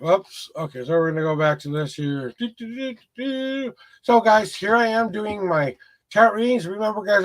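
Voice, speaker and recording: A man with a high-sitting voice and a rural Minnesota Midwest accent rambles through a casual livestream tarot reading, chatting with viewers. He repeats words and restarts often, and the audio is poor.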